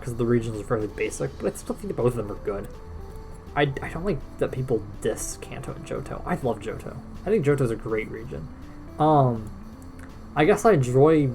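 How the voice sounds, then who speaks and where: Casual solo game commentator, male, tired and yawning, restarts his sentences, soft music underneath. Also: mid-range voice. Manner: rambling, restarts sentences often. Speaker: gaming video creator. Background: soft background music.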